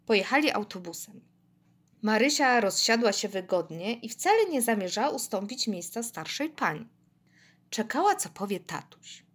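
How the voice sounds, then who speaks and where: A woman reading a children's story aloud with expressive, animated delivery. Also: a little high, breathy edge.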